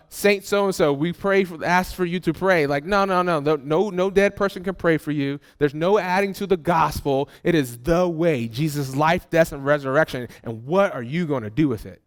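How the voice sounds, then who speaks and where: Conversational preacher, a man with a high voice. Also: smooth. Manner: conversational preaching, speaks straight to the congregation; repeats words when restarting a thought. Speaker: pastor. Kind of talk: sermon.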